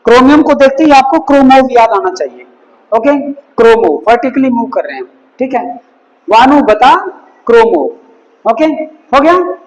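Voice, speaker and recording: High-voiced man teaching slowly, echoey room. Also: expressive. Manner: slow and repetitive, drills each word several times; mixes Hindi with English terms. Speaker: chemistry teacher. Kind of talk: classroom lesson. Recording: long reverb, echoey hall.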